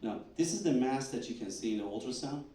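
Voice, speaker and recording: Speaking fast at a medium pitch, a male doctor presents research at a fundraising event held in an event hall. He tells patient stories animatedly and acts out their quotes with stammers. The mic is distant and the hall echoes.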